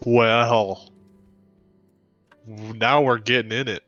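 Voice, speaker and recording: A man's voice: medium pitch, fairly even intonation, drawn-out words, pushed and bright. A man chatting casually as co-commentator over a video game. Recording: dull lo-fi mic, faint music.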